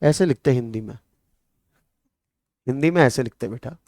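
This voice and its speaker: Male exam-coaching teacher, Marwari-tinged Hindi accent, mid pitch, dry close sound, keeps asking and answering his own questions. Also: brisk, no echo. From Rajasthan, India. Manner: lively, repeats questions to students and answers them. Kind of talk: classroom lecture with memory tricks.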